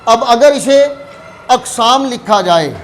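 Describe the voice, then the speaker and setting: A man teaching word pronunciation in a careful, deliberate way, repeating key words for emphasis. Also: sits high, slight background noise. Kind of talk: explanatory lesson.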